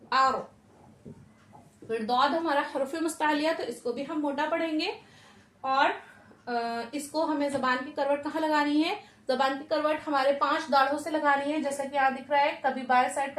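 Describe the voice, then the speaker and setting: A woman teaching Quranic pronunciation step by step, patient and repeating each sound slowly with frequent checks for understanding. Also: high voice. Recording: echoey room.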